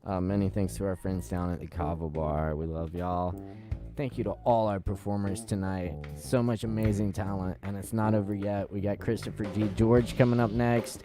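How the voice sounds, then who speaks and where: A man hosting a live-streamed open mic, relaxed and hyping up the crowd. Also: on the low side. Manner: laid-back, hypes the crowd. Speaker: host. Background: guitar music.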